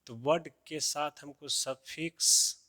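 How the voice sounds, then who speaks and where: A man's voice: fairly high pitch, steady tone, slow, sharp tone, no echo, clean studio sound. A man teaching a lesson to children, repeating key terms and asking and answering his own questions.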